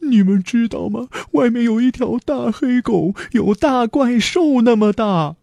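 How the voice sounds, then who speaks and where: A man's voice: extremely high pitch, a little slow, vocal fry, dark tone, dry recording, voice pushed up, exaggerated voice. A man voicing an anxious, fretful little boy in a children's story.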